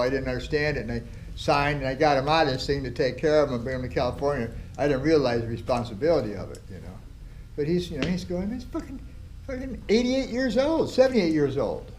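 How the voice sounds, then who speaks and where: Blunt, profane older tattooer telling stories. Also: male voice, fairly high pitch, darkish tone, slight background noise. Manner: profane, blunt storytelling with acted-out quotes. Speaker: tattoo artist guest. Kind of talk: storytelling interview.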